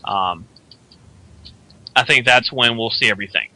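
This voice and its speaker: Bright-voiced man giving opinions on a radio show. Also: mid-range voice. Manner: opinionated, speculative, acts out quick character voices. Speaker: podcast co-host. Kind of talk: casual chat.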